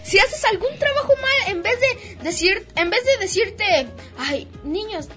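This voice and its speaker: A woman co-hosting a radio show in animated casual chat, with frequent restarts. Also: very high voice, unhurried, faint music behind. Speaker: co-host of a school radio show.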